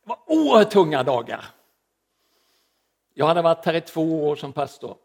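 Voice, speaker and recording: A middle-aged man, a pastor, preaching a sermon and telling a story with dramatic rises and soft drops. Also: a little high, big pitch swings.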